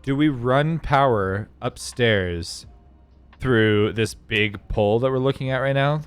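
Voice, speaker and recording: During a live game stream, a man chats casually with his viewers, rambling and thinking aloud as he plays. He has a slow, mid-range voice with a clean tone, and soft music plays in the background.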